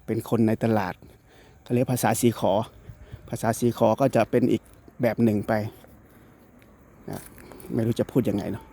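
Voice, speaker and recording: A man's voice: medium pitch, steady tone, normal speed, gravelly, long pauses, dark tone. A young man from northeastern Thailand with an Isan accent, narrating a casual, rambling travel vlog outdoors into his phone. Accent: Isan Thai. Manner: rambling, self-correcting, chatty. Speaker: vlogger. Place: outdoors and driving around the countryside. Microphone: phone held by the speaker.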